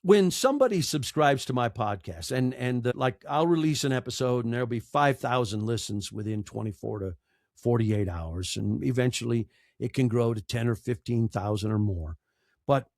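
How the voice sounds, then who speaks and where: A podcast guest who narrates audiobooks and works in broadcasting speaks in a medium pitch. His delivery is conversational storytelling, emphatic, with rhetorical questions and repeated phrases. There's no echo, and the audio is studio quality.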